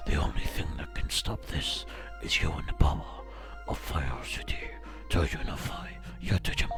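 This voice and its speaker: An old tree spirit, super low raspy whisper, slow and mysterious, game music behind. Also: male voice. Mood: solemn. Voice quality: deep gravelly whisper. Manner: solemn, slow, storytelling.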